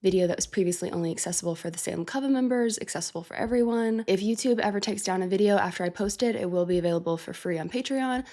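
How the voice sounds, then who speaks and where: This music reaction host sounds nasal and stuffed up from illness as she chats to camera, musing aloud and using fillers. Her voice is medium in pitch with a darkish tone.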